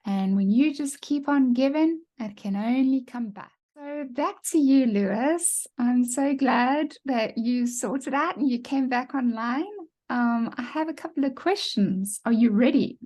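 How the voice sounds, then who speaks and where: Slow-speaking woman podcast host. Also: a little high, darkish tone. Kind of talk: podcast interview with a read-out ad.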